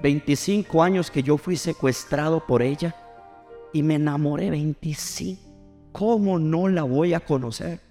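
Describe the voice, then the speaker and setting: Man, middle-aged, pastor preaching, high voice, call-and-response. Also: normal speed, warm tone, faint music behind. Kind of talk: sermon.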